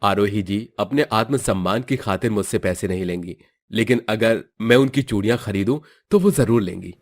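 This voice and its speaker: A man's voice: lowish voice, moderate pace. A man voicing a courteous, lovestruck young man in a cartoon, speaking earnestly. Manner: courteous, earnest, stammers when nervous. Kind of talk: Hindi cartoon voice acting.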